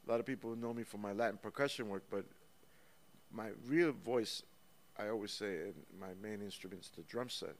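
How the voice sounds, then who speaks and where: Animated male musician telling stories. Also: lowish voice, fairly quick. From United States. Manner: lively storyteller, counts rhythms aloud. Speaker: guest musician. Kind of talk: casual interview. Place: small recording studio. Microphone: studio microphone.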